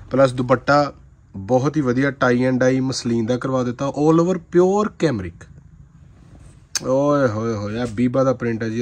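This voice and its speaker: A man gives informal, effusive shop sales patter, dramatic and full of drawn-out exclamations. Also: medium pitch. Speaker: shop seller presenting suit fabrics. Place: indoor fabric shop with tiled floor. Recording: clearly noisy shop-floor phone recording.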